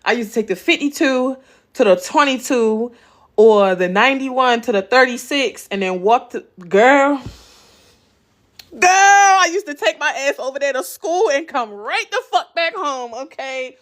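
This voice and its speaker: A woman's voice: high voice, lively intonation, unhurried, fairly bright tone. A woman with a Baltimore accent hosts a casual ask-me-anything vlog. She talks in a blunt, profane, streetwise way, laughs easily and keeps checking in with "okay?" as she goes. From Baltimore, West Side. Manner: chatty, loops back with "okay?" and "you know what I'm saying". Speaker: host answering viewer questions.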